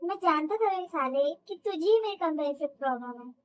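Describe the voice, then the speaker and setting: A woman voicing a commanding young company boss in a fan audio drama. He barks orders, then turns teasing and pleading with his wife. The voice sits very high. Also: expressive, a little fast, a little hiss or hum, low-quality recording. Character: bossy young male company boss, husband.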